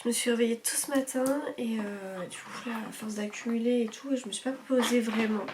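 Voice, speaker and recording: A woman's voice: on the high side, fairly even intonation, fairly quick, background noise. Tired young woman chatting casually in a vlog. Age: 20s. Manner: rambling, many fillers and restarts. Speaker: vlogger.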